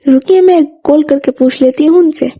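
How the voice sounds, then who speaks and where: A woman's voice: high voice, moderate pace, mellow, close to an everyday voice. A woman voicing a friendly, affectionate young woman who speaks politely, read in a storybook.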